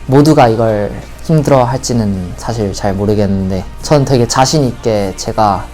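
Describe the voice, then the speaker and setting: Hesitant low-voiced young man. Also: moderate pace, dark tone, soft background music. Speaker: student interviewee. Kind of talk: interview answers.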